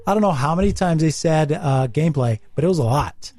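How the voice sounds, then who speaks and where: Joking, rambling man with a higher voice. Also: expressive, a little fast, a little mellow, no echo. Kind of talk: casual gaming chat.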